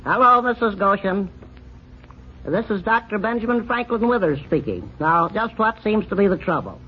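An actor playing a pompous, fussy older male country doctor who lectures in a drawn-out way, in old radio comedy. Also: sits high, animated. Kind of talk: 1930s radio comedy acting. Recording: dull old radio recording with faint hiss.

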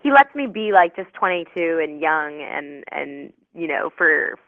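A woman's voice: sits low, sing-song, unhurried, dry recording. A woman in her twenties, a psychic medium guest on a radio show, talking over the phone in a bubbly, rambling way with lots of fillers. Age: 20s. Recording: tinny phone line, dry.

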